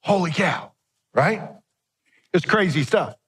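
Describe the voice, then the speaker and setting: A male pastor with a somewhat higher-pitched voice delivers a sermon. He reads scripture in old-fashioned phrasing and then retells it in plain, casual words. He talks straight to his congregation and often checks in with a quick "okay?". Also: lively intonation, fairly bright tone, slightly rough.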